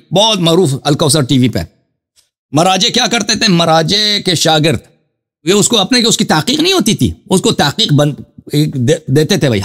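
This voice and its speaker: Animated man in impassioned religious talk. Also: fairly high pitch. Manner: lively, emphatic, repeats phrases and addresses listeners as brothers. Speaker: Shia cleric answering a question.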